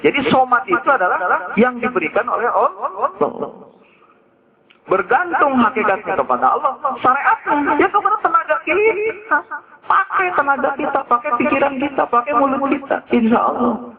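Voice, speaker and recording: Man from Indonesia, sermon, high-pitched voice, tinny phone-line recording with a crowd behind. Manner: lively, swings from high exclamations to low drawn-out phrases; casual Jakarta-style slang mixed into teaching. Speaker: preacher.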